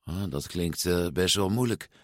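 A man's voice: medium pitch, fairly even intonation, slow, a bit bright, no room sound, studio quality, pitched above the performer's own voice. A man voicing a timid, anxious young boy who speaks hesitantly in a storybook reading. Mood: glum. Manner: hesitant, unsure.

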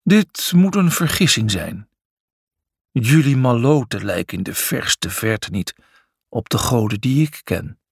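A man's voice: medium pitch, sing-song, measured pace, gravelly, slightly rough, no echo, clean studio sound, full character voice. A man voicing a haughty temple priest who speaks with disdain and contempt in a storybook reading. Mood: scornful.

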